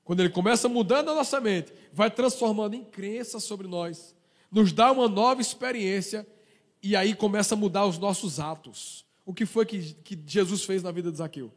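A male pastor preaching with lively energy, slipping into the voices of the people in his stories. His voice sits very high for a man, and a long reverb trails each phrase in a church hall. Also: moderate pace. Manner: animated preaching, acting out quotes of sinners. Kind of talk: sermon.

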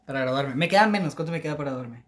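A man's voice: fairly high pitch, racing. A young man, co-hosting a casual podcast and telling stories, mixing English into his speech. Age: young adult. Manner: storytelling, mixes English into his speech, laughs often. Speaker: podcast co-host. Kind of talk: casual chat.

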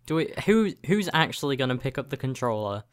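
A man in casual chat, deadpan and mock-serious, asking rhetorical questions. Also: mid-range voice, brisk.

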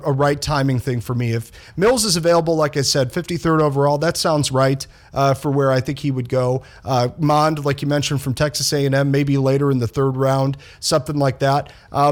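A male sports co-host giving conversational commentary, repeating words as he reasons things through. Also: on the high side. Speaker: sports show co-host and analyst.

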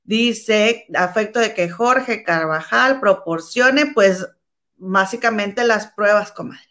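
A woman's voice: mid-range voice, slow, a bit bright. Chatty woman dishing gossip. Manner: chatty, keeps calling her partner comadre, reads documents aloud. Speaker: co-host of a gossip show. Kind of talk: casual gossip chat.

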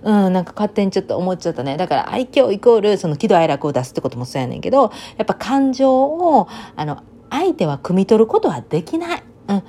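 A woman with a Kansai Banshu dialect accent, chatting through a casual solo monologue with lively storytelling and sudden dialect outbursts. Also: medium pitch, fast, few pauses. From Kansai region of Japan. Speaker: vlogger.

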